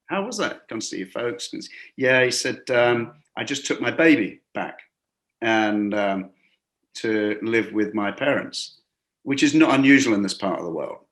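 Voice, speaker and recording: Speaking at a measured pace with lively intonation, this man has a low but fairly bright voice. He's an interview guest, a hospitality business coach based in a Gulf city, telling workplace stories conversationally, restarting often and acting out quotes.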